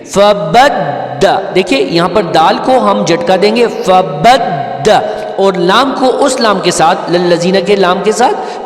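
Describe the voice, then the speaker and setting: A man teaching Quran recitation step by step, patiently explaining each letter and often checking that his listeners follow. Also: high voice. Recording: echoey room with long reverb, faint music.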